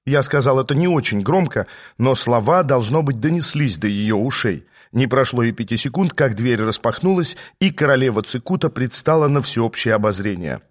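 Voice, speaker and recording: Man reading an audiobook, dry and measured. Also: medium pitch, expressive. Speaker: audiobook reader. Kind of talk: scripted first-person narration.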